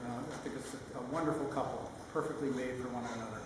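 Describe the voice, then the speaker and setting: An older man giving a sentimental, lightly humorous father of the bride speech, halting with pauses mid-phrase. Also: medium pitch, steady tone. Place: large reverberant room at a wedding reception. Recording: echoey hall, distant mic, noisy room.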